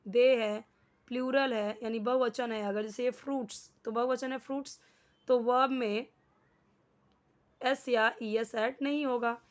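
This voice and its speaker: A woman teaching a spoken English lesson in Hindi, moving slowly through each sentence word by word. Her voice sits a little high and her pace is very unhurried. The recording sounds dull and lo-fi. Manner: slow, explains word by word, mixing English words into Hindi.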